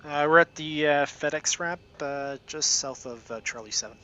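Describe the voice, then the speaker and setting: A man's voice: fairly high pitch, normal speed, pushed and bright. A man making pilot radio calls to ground control through a cockpit headset mic, using radio phrasing broken by frequent uhs. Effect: pilot talking into a cockpit headset mic. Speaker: flight simulator pilot. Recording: dull lo-fi headset mic with hiss.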